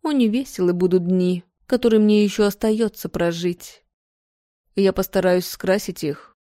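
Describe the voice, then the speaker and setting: A desperate aging countess begs for the truth in a soft, tearful voice, as a woman reader puts her on. The tone is dark and mellow, and the sound is dry and close. She speaks slowly and sorrowfully, as in a spoken storybook. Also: medium pitch, no room sound, natural voice. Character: aging countess, pleading, heartbroken, desperate in love.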